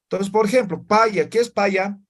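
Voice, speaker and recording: High-voiced male teacher. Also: normal speed. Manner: explanatory, keeps checking with students. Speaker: language teacher. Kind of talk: classroom lesson. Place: classroom with students.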